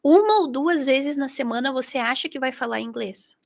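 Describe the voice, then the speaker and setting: A woman's voice: high voice, moderate pace, gravelly. A middle-aged woman from Brazil teaching an online English masterclass, talking straight to her listeners and acting out what her students say. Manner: lively, talks directly to the listener, acts out students' quotes.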